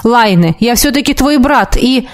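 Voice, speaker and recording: A woman's voice: on the high side, expressive, measured pace, voice pushed up. Woman reading a reproachful young light mage. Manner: reproachful, snapping. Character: young male light mage, hurt older brother.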